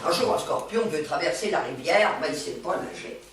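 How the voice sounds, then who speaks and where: A woman's voice: on the low side, animated, slight background noise, close to an everyday voice. An actress playing an exuberant older woman, a former actress, who talks in a chatty, theatrical way on a theatre stage. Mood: lively. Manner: chatty, theatrical, quick-witted. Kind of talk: stage comedy performance. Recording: roomy stage sound from far off.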